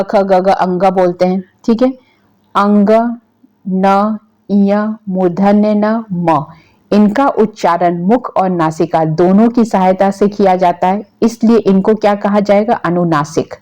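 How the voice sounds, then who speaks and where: A woman's voice: medium pitch, dark tone. A woman teaching Sanskrit grammar in an exam-prep lecture, asking questions and answering them herself. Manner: asks questions and answers them herself, repeating key terms.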